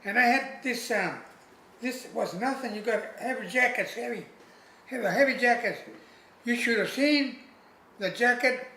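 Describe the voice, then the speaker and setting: This is an informal oral history from an old soldier over 80, whose extremely high-pitched voice has a sharp tone. He talks plainly about his service, stopping to search for words and repeating himself along the way. The recording has a roomy echo and some faint background noise.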